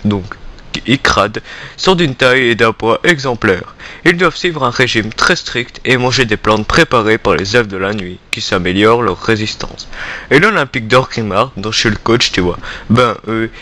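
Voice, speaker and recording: A man's voice: mid-range voice, pushed and bright, close to an everyday voice. A man voicing a laid-back, slangy tauren coach being interviewed in a comic fantasy radio sketch. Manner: slangy, peppered with "tu vois". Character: laid-back male tauren coach, inventor of gnome tossing.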